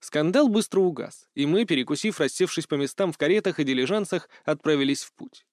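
A man's voice: a little high, expressive, brisk, no room sound. Male audiobook narrator, dry close sound, wry delivery. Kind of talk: first-person audiobook narration.

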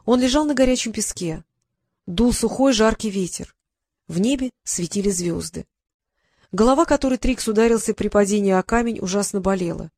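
A woman reading a novel aloud as audiobook narrator, in an even, measured way. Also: medium pitch, no echo, clean studio sound. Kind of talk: scripted narration.

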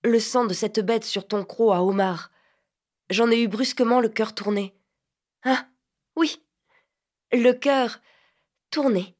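A woman's voice: a little high, slow, long pauses, a little mellow, voice pushed up. A woman voicing an anxious, lovesick teenage boy in an audiobook, pleading and tender.

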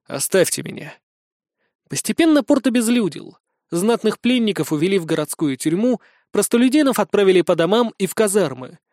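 A man's voice: high voice, a little mellow, dry recording, clean studio sound. A man reading first-person fantasy narration as an audiobook, with wry, sardonic asides.

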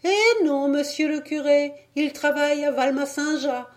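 Woman reading as a high-pitched country wife, eager and polite. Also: unhurried. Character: plain village wife, polite to the priest.

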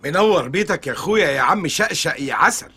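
An actor playing an overfamiliar, teasing Egyptian friend who banters chummily in a radio comedy series. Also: male voice, on the high side, animated, fast, sharp tone, breathy edge, faint music behind, heavily acted. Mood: chummy. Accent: Egyptian Arabic. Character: overfamiliar pestering male friend, cheerfully teasing. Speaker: friend character Abu el-Mahasen.

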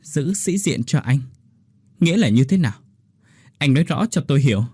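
A man's voice: fairly high pitch, sing-song, normal speed, darkish tone, breathy edge, dry recording, clean studio sound, voice pushed up. A man voicing a hurt young wife, a humble sticky-rice seller, who speaks up bitterly to her husband. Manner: pleading and bitter.

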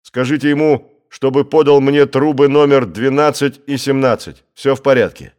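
A man voicing a brave, cheerful male submarine engineer who gives brisk, upbeat orders. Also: mid-range voice, a little mellow, clean tone, natural voice. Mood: reassuring.

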